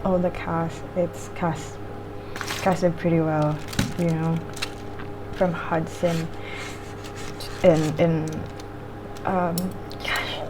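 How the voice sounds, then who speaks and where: A woman eats on camera and reviews a show, talking informally in a slightly low voice as her thoughts wander mukbang-style. Casual swearing pops up occasionally. Background noise is plainly audible throughout the recording.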